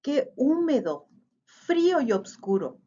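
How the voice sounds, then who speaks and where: A woman voicing a tiny, eager mouse in a read-aloud storybook, speaking high and squeaky. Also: sing-song, slow, mellow, lo-fi sound, full character voice. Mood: curious.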